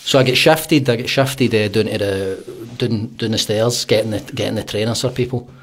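A man with a broad Glaswegian Scots accent and a husky voice, telling comic anecdotes in casual, sweary slang on a close studio mic. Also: on the low side, normal speed, fairly bright tone. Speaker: podcast guest, comedy writer and actor. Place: small podcast studio. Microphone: close studio condenser on arm.

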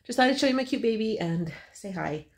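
A woman in her fifties chatting to a phone camera at home while babysitting, doting and quick to laugh. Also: a little high, expressive. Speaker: grandmother vlogger. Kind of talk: casual chat to camera.

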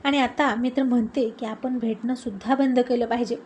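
A coy young woman holding firm, read by a woman narrator in a fairly high voice. She is gentle but will not give in. Faint hiss sits underneath. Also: steady tone, normal speed, natural voice.

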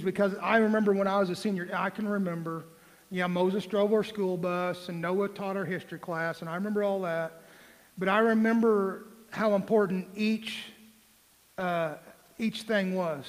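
A man in his forties with a notably high voice delivers a sermon, mixing folksy jokes with pointed, emphatic questions. His words trail into the long reverb of a church sanctuary. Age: 40s. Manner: folksy, joking asides, rising to emphatic questions. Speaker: pastor.

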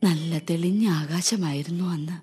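An actress playing a young mother in a staged historical drama, narrating her story and hushing her crying baby. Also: fairly low pitch, normal speed, breathy edge. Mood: sorrowful. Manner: soothing a crying baby, rocking lull. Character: young mother Meenakshi, grieving. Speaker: narrator and character. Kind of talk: historical light-and-sound show drama.

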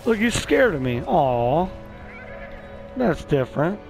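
Excitable high-voiced man playing a game. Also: slow pace, over music, poor audio. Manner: casual, excitable, swears often, talks to creatures. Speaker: gameplay streamer. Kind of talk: let's-play commentary.

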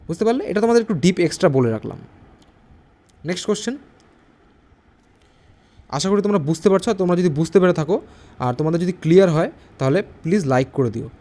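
A man teaching an exam-prep English grammar lesson, explaining step by step, reading English sentences slowly and often asking whether students understood. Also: high-pitched, darkish tone. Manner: explains step by step, asks frequent check questions.

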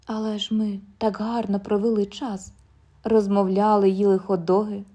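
A woman's voice: mid-range voice, little pitch movement, normal speed, warm tone, natural voice. A woman voicing an anxious wife who urges her husband to leave and pleads with him. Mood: eager. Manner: urgent, pleading.

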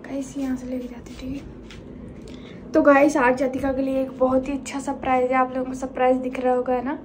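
A woman's voice: high-pitched, level tone, a little fast, background noise. A woman hosting a casual vlog, chatting to viewers and often asking if they follow. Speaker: vlog host.

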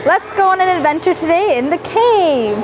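A woman's voice: extremely high pitch, animated, moderate pace, noisy background. A young woman in her twenties, a science centre educator, explaining a cave exhibit to the camera in an upbeat, inviting way. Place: dim indoor cave exhibit.

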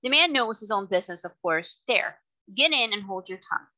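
A woman voicing a blustering, bossy man of business who speaks in a brisk, impatient way. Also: fairly high pitch, very animated, bright, forceful tone.

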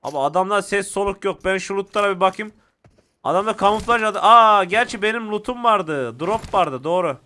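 A young man giving excitable, casual commentary to viewers while playing a mobile shooter game. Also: high-pitched, a little fast.

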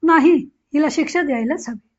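A woman's voice: high-pitched, brisk, natural voice. A woman voicing a stern young husband who speaks curtly, in a dull lo-fi recording. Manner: stern, curt. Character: stern young husband, torn but hardened.

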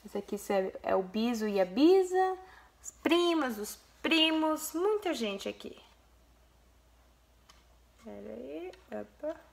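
In a laid-back vlog, a young Brazilian mother addresses her viewers directly, gushing as she shows off a photo album. With a Brazilian Portuguese accent, her high voice has a creaky, sing-song quality, and she speaks slowly with frequent pauses.

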